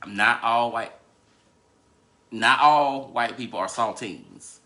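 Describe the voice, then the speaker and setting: A man's voice: medium pitch, slow, sharp tone. A man in his thirties hosting a live podcast, ranting heatedly with lots of profanity and laughter. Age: 30s. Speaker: podcast host.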